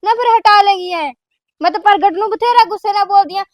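A woman plays a bossy, sharp-tongued elder sister with a Punjabi accent, scolding fast in a very high voice. The sound is dry and close, as in a family web drama. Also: no echo. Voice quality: scolding, quick-tempered.

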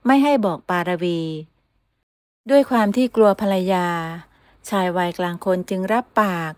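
Casting: woman storyteller, steady clear narration, mid pitch, dry close mic. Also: normal speed, no echo. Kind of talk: scripted narration.

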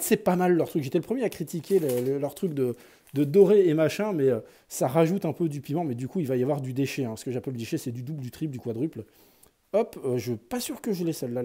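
Husky, mellow-voiced man chatting casually. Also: mid-range voice. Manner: chatty, thinks aloud, lots of fillers and sighs. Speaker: YouTuber opening sticker packs. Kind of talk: casual running commentary.

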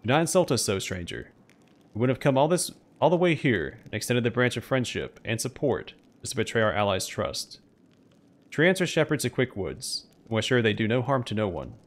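A man's voice: medium pitch, very animated, a little fast, lightly acted. A man voicing a solemn, earnest talking tree, a treant with formal, grand oratory, in game dialogue read aloud. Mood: offended.

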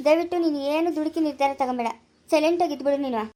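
A woman plays a calm older mother-in-law, giving advice in a soothing, pleading way in a family short drama. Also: high voice, rapid-fire, close to an everyday voice.

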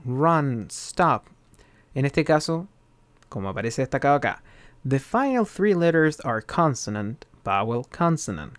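A man giving a recorded English grammar lesson, explaining in Spanish and reading English examples slowly and carefully. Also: mid-range voice, no room sound. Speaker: English teacher.

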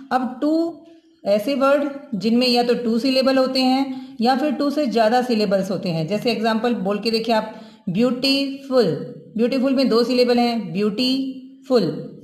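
A woman teaching English grammar to school students, explaining slowly and repeating example words, often asking if they understand. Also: a little high, a little mellow. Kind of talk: classroom lesson in Hindi-English mix. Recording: echoey room.

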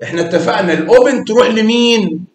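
A man's voice: sits high, fast, roomy sound, a crowd in the background. A man with an Egyptian Arabic accent teaching math to young children, coaxing and quizzing them with praise.

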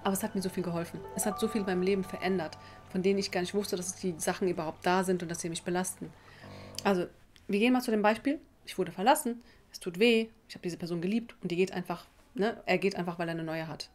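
A woman's voice: on the low side, fast talker, darkish tone, soft background music. A woman in her thirties from Tunisia, a native Arabic speaker, giving a direct, informal explanatory talk to camera. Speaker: self-help video presenter. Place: small office indoors.

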